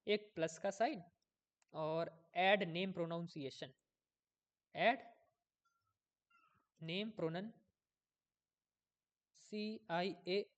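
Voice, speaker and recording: A man's voice: sits high, takes it slowly, long pauses, dull audio. Man thinking aloud through code. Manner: thinks aloud while coding, often loses his place; chatty, checks in with viewers. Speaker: coding tutor. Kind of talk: casual screen-recorded coding tutorial.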